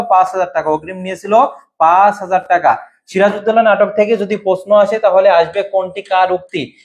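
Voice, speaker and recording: Young male Bengali lecturer with a high voice who drills students with quick questions. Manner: quizzes students, repeats answers, waits for comments. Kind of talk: online exam-prep lesson.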